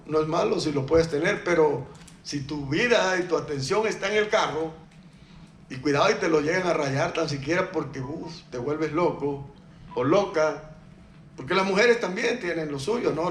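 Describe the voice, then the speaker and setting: A man's voice: a little high, moderate pace, slight background noise. A man preaching a sermon in a church, conversational, asking the congregation questions and joking now and then. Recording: echoey church hall.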